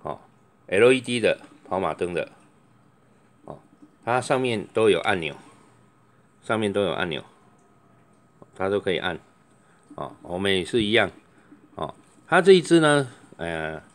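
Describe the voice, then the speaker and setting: A man demonstrating microphones in a loose, chatty way, filling pauses with a drawn-out "oh" and calling into each mic to test it. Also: low voice, big pitch swings. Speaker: microphone seller. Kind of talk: product demonstration.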